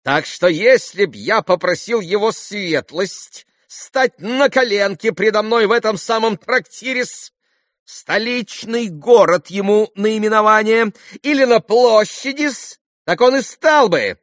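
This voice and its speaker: A man voicing a servile, buffoonish, agitated middle-aged captain in an audiobook, with a shrill, fawning, theatrical delivery. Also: lively intonation, a little slow, fairly bright tone, dry recording, studio quality. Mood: mocking.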